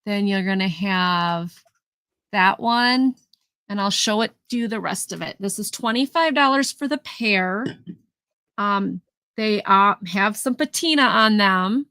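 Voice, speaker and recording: A woman's voice: medium pitch, slow pace, bright, forceful tone, clean tone, no echo. A woman hosting a casual live vintage sale, chatting as she describes each item in detail and counts down the sales. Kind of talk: casual live-stream selling.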